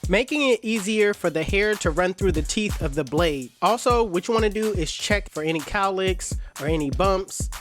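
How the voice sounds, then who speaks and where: A man's voice: high voice, expressive, moderate pace, hardly any pauses. A man who is a barber hosts a casual haircut tutorial, talking in a laid-back, slangy, chatty way in his shop. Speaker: barber and channel host. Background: music.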